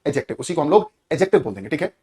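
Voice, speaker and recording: A man teaching an online grammar lesson in a Hindi accent, energetic, repeating key words and asking students questions. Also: a little high, rapid-fire, husky.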